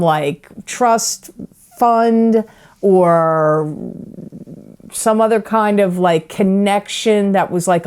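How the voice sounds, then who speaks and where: A woman's voice: mid-range voice, a little mellow, clear, resonant tone. A middle-aged woman giving a casual tarot reading, rambling with many fillers and restarts. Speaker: psychic tarot reader.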